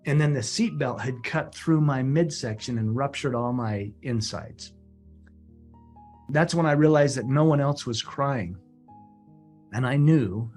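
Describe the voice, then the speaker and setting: A man telling a personal story in an earnest, halting way, often restarting and repeating words. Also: mid-range voice, darkish tone. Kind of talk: emotional first-person storytelling.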